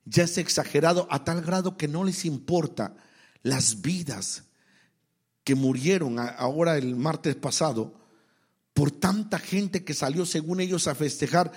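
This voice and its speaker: Husky-voiced Mexican pastor preaching. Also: male voice, on the high side, a little slow. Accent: Mexican Spanish. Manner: impassioned preaching, swings between loud exhortation and quiet asides. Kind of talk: sermon.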